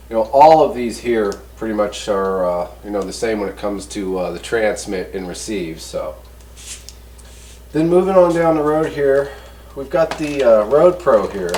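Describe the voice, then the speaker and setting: A man with a mid-range, darkish voice speaks in a sing-song, unhurried way with long pauses. He's hosting a casual hands-on product review, folksy, rambling and easygoing. The recording has a roomy echo, a distant mic and background noise.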